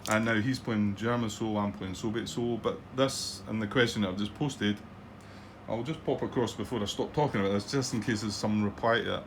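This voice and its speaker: A middle-aged Scottish man with a lowish voice talks briskly and fairly evenly, a faint hiss or hum behind him. He hosts a board wargame channel, giving casual commentary on a solo game from his home desk, rambling with plenty of ums and restarts.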